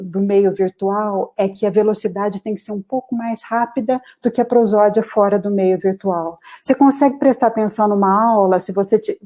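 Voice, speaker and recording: A middle-aged woman speaking as the guest expert in a live online interview, explaining at length in an animated, emphatic way over a video call. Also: medium pitch. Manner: animated, lecturing, emphatic slowdowns.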